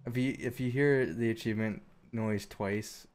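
A man's voice: mid-range voice, steady tone, normal speed, noisy background. A man giving casual live commentary as he streams a game, in offhand asides to himself.

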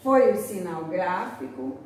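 A woman's voice: mid-range voice, animated, darkish tone. A woman teacher with a Brazilian Portuguese accent, giving a recorded lesson to young pupils and drawing out words to show their sounds. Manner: slow, drawn-out words, exaggerated sounds to demonstrate. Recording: echoey room, voice from a distance.

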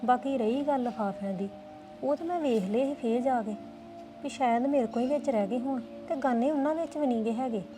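A woman's voice: high-pitched, fairly quick, over music. A woman playing a young woman in a family drama, complaining and defensive. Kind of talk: Punjabi family drama dialogue.

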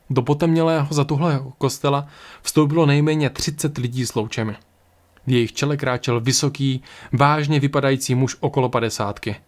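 A man reading an audiobook in a steady, even storytelling manner. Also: medium pitch. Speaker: audiobook narrator. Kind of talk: audiobook narration.

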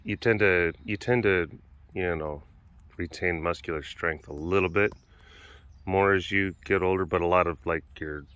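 Off camera, a big cat sanctuary keeper and vlogger getting on in age rambles casually outdoors at the enclosures via a handheld camera mic, dropping into baby talk with the animals. His low voice holds a steady tone at normal speed and is slightly hoarse, partly lost. There's no room sound, and the highs are cut off.

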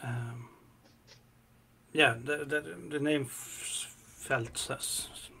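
A man co-hosting a music reaction chat, talking haltingly with many fillers and restarts. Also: mid-range voice, fairly even intonation, sharp tone, a little hiss or hum. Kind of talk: casual chat.

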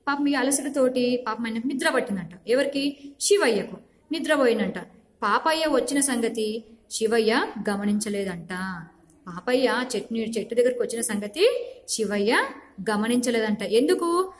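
Woman teacher, higher pitch; retells a story in a lesson, repeating and quizzing pupils. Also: expressive, moderate pace.

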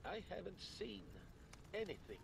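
An actor playing a frightened blind older male tenant in a game, stammering and nervous, with a gravelly voice. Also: high voice, big pitch swings, a little slow, background noise, heavily acted.

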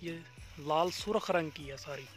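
A man's voice: a little high, normal speed, faint music behind. A young man vlogging outdoors in a date palm farm, chatting casually and pointing things out to viewers while filming with a handheld phone. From Pakistan. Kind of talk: casual walking tour vlog.

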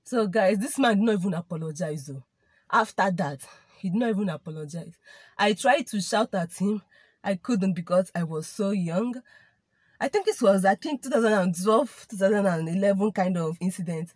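A woman's voice: medium pitch, expressive, normal speed, a little mellow, breathy edge, dry recording. A young woman with a Nigerian English accent, telling a story to camera in a casual vlog and dropping in Igbo and Pidgin expressions. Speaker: vlogger.

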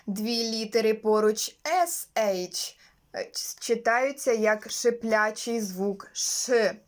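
Woman, fairly high voice, unhurried lesson delivery. Patient phonetics teacher who sounds out example words. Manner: slow, careful, demonstrates each sound and example word. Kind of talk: slow instructional explanation.

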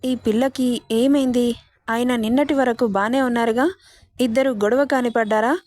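A woman's voice: a little high, steady tone, normal speed, darkish tone, lightly acted. A woman reading the lines of an aunt-in-law who fusses over a bride and chatters worriedly to herself. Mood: fussing.

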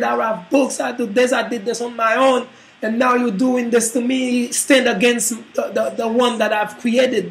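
A man voicing a heartbroken woman who shouts and curses at a suitor she is fighting off. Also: very high-pitched, gravelly, reverberant, heavily acted. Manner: shouting, cursing, defiant.

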